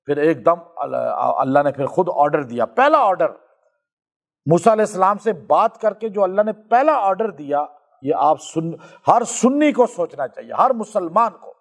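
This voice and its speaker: Male preacher from Pakistan, high voice, storytelling sermon delivery, slows for recited verses. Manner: storytelling, asks listeners questions, slows down for recited scripture.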